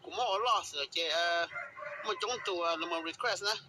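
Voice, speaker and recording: High bright-voiced guy, halting casual talk, faint chickens in the back. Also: background noise. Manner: hesitant, halting, with many fillers.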